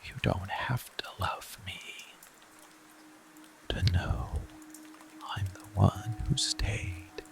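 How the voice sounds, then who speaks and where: A man plays a dark, seductive male monster in an intimate ASMR roleplay, murmuring in a low, heavily creaking, exaggerated voice over rain and music. As a possessive, protective lover he speaks extremely slowly, breathy and often whispering, deliberate and coaxing with long pauses, in a hushed, seductive mood.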